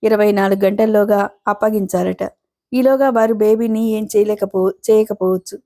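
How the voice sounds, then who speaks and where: A woman reading a novel aloud as an audiobook, in a steady storytelling voice. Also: mid-range voice, moderate pace. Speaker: audiobook narrator.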